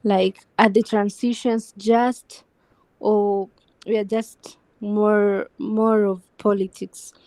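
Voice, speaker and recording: A woman from Tanzania speaks slowly and earnestly on a discussion panel. Her voice is mellow, and the recording is dry and close. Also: mid-range voice, level tone, dry recording, rough recording.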